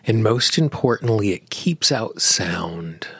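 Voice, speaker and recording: Slow gravelly male meditation guide. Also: on the low side, animated, no room sound. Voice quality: gravelly, husky, sometimes whispery. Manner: slow, soothing, drawn-out phrasing with long pauses.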